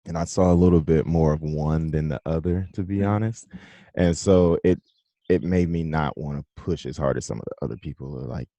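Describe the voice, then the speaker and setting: Very deep-voiced young man, relaxed. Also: a little fast, no echo, dull audio. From South Carolina, US. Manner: relaxed, laughs often, loose rambling phrasing. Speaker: musician guest. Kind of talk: casual interview conversation.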